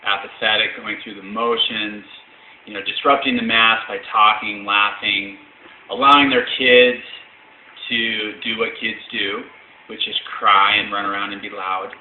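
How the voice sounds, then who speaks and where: A man's voice: on the low side, little pitch movement, measured pace. Earnest man telling a faith story, tinny and roomy. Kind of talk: personal faith testimony. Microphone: phone. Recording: tinny phone-like audio, roomy, faint hiss.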